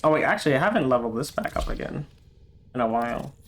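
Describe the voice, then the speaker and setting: A man's voice: medium pitch, lively intonation, fast talker, a bit bright, slight background noise. A young man livestreaming gameplay, rambling casually, correcting himself mid-sentence and swearing now and then. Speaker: livestreamer playing a video game.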